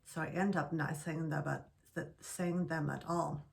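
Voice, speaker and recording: A middle-aged woman reading prepared remarks in slow, halting speech, often restarting words. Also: sits low, fairly even intonation, gravelly. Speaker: guest sharing stroke recovery.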